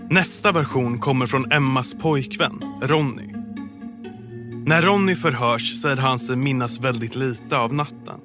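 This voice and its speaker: A man reading a scripted true-crime story in a calm, measured way as a podcast narrator. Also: mid-range voice. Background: music.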